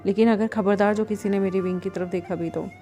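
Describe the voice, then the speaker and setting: A woman's voice: mid-range voice, steady tone, quick pace, mellow, faint music behind, natural voice. A woman voicing a clingy, stubborn young man who insists childishly.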